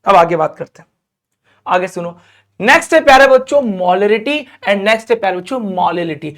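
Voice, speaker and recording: A male teacher giving a lively classroom lecture, coaxing students with frequent questions and stretching out key terms slowly. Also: high voice.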